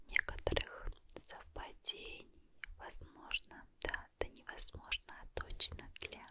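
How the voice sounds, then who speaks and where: A tired young woman chatting in a gentle, breathy whispered murmur, ASMR style, very close to a condenser microphone. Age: young adult. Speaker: ASMR host. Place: small dim room, lying on a pillow. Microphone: large condenser mic very close to mouth.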